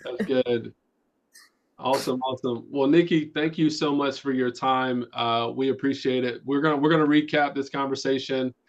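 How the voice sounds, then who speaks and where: A man's voice: mid-range voice, fairly even intonation, moderate pace, lo-fi sound. A man hosting a team video call, thanking a guest in a rambling way with many fillers.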